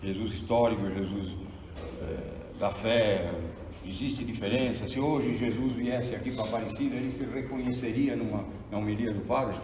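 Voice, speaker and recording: An Argentine man in his sixties gives a theology lecture to an audience in an echoey hall, telling stories in an animated, preacherly manner. His voice is lowish and moves at a normal speed. The mic is distant and picks up a little hiss or hum.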